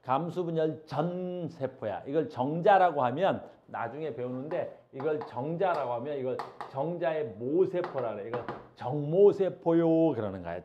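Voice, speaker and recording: Male science teacher, lively up-and-down voice, repeats key phrases, dull lo-fi recording. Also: medium pitch, a little hiss or hum. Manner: animated, asks students questions and answers them himself; repeats key phrases, calls out playful commands. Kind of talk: classroom lecture at a whiteboard.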